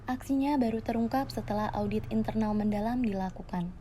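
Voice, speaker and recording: A woman acts as a female anchor in a parody newscast. She reads her scripted report formally in a soft, mellow tone. A faint noise sits behind the voice. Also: fairly high pitch, a little fast, close to an everyday voice. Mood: formal, serious. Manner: formal, read-out delivery. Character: female TV news anchor reporting a fraud case.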